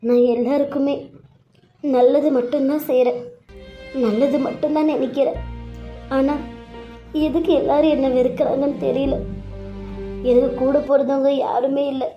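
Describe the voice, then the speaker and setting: A woman's voice: sits high, steady tone, moderate pace, long pauses, dull audio, faint music behind, natural voice. Woman voicing a tearful young cartoon wife. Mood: sorrowful. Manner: pleading, soft and emotional. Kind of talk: cartoon serial voice acting.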